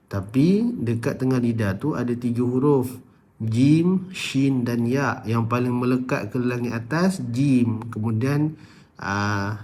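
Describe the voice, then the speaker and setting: A man with a Malaysian Malay accent teaching a tajwid lesson, explaining slowly and breaking into drawn-out, louder chanted recitation of examples. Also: mid-range voice. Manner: addresses listeners as "tuan-tuan", checks with "okey?".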